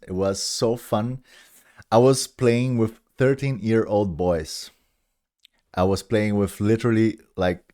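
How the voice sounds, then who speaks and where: This live-stream host is a man in his thirties with German-accented English, casually chatting with viewers. He meanders, restarts a lot, and chuckles at his own remarks, in a lowish voice with a darkish tone.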